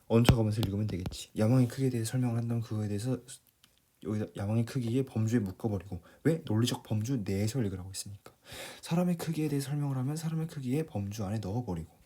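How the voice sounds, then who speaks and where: A man's voice: medium pitch, background noise. A man teaching English reading in a casual lecture, talking plainly to his students, often rephrasing and checking in with them.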